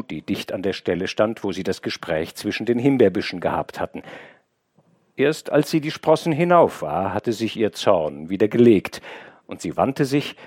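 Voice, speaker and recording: A man reading a classic novel aloud as an audiobook narrator, in a measured, expressive storytelling manner. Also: slightly rough, no echo, clean studio sound. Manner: measured, expressive storytelling with wide pitch movement. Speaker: audiobook reader. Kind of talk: scripted literary narration.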